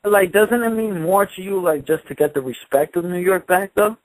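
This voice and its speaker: Man, co-host, interrupting, pushy, slightly high voice, dry. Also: moderate pace, dry recording, poor audio. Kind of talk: casual debate.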